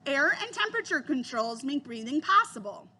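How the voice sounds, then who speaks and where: A woman's voice: high voice, sing-song, normal speed, bright, forceful tone, full character voice. A woman voicing a cautious, bookish young boy in a storybook. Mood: earnest.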